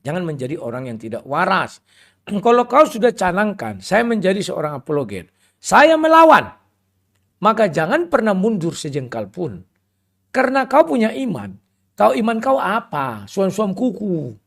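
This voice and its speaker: A man's voice: sits high, huge pitch swings, normal speed, vocal fry. A man hosting a podcast, bluntly and scornfully commenting on a clip and talking to listeners as friends. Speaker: podcast host.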